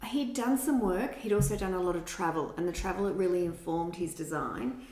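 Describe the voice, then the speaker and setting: A woman's voice: lowish voice, fairly quick, darkish tone, reverberant. A woman co-hosting a podcast in casual chat, reviewing a children's book from her notes. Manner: chatty, reads from notes, reviews children's books. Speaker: podcast co-host.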